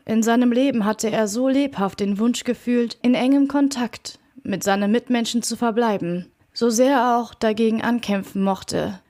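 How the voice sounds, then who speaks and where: A woman narrating a classic novel as an audiobook in a clear, measured reading voice. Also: fairly high pitch, darkish tone. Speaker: audiobook reader.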